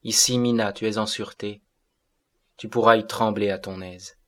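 A man reading the part of a calm, gentle adolescent being with a fatherly tone in an audiobook. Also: on the low side, moderate pace, close to an everyday voice. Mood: reassuring. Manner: calm, reassuring.

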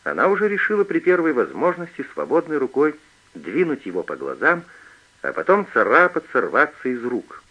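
Male audiobook narrator, expressive and animated, muffled lo-fi sound. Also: a little high, moderate pace, slightly rough. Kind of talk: scripted narration.

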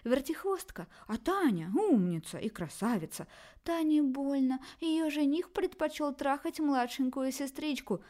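A woman voicing a shrill, spoiled pregnant young woman who shrieks her accusations. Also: lively intonation, moderate pace, a little mellow. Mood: shrill, furious.

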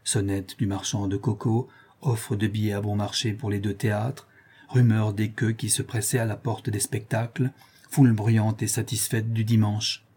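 A man narrating a novel aloud in a measured, expressive reading. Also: fairly low pitch, slightly rough. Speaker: audiobook narrator.

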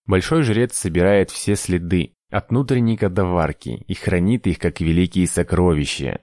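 A man voicing a fussy, nervous male craftsman in an audiobook, hurried and shrill when agitated. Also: a little mellow, no echo, studio quality. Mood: conspiratorial. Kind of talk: audiobook character voice.

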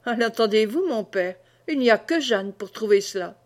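A woman voicing a quiet young peasant man. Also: fairly high pitch, animated, normal speed, natural voice. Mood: wary.

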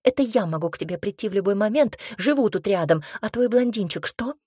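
A woman's voice: mid-range voice, animated, brisk, breathy edge, no room sound, clean studio sound. A woman voicing a blunt, scolding young woman friend. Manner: sharp, reproachful, mocking.

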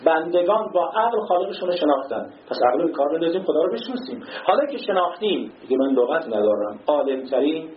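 A man giving an emphatic sermon, slowing down to chant Arabic phrases. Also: a little high, sing-song. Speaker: cleric giving a religious talk. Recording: echoey, dull lo-fi recording.

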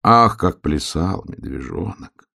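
A man narrating a children's story in an expressive, lilting reading. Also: sits low, slow pace, creaky.

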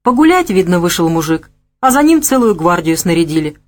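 A woman reading the lines of a jittery young male gang scout who reports over a radio in a hushed, tense way. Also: lowish voice, sing-song, fairly quick.

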